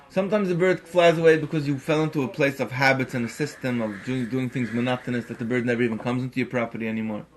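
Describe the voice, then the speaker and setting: A man teaching a Torah lesson through an animated story and acting out its characters. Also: medium pitch, a little hiss or hum. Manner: animated, acts out the characters, rises to emphatic peaks.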